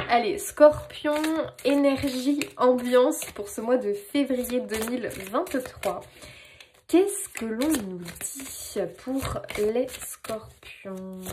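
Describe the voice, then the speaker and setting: A woman's voice: fairly high pitch, noisy background. A woman with a French accent giving a casual, playful tarot reading, talking with lots of fillers. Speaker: tarot reader.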